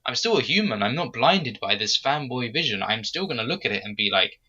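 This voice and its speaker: A man hosting a casual fan podcast, talking in an animated, critical way and jumping high when he acts out quotes. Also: fairly quick, breathy edge, lo-fi sound. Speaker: podcast host.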